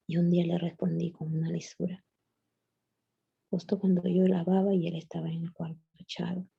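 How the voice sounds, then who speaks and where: Husky, gravelly woman testifying. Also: mid-range voice, warm tone, highs cut off. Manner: earnest, halting, addresses listeners as sisters. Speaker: guest giving testimony. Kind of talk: personal faith testimony.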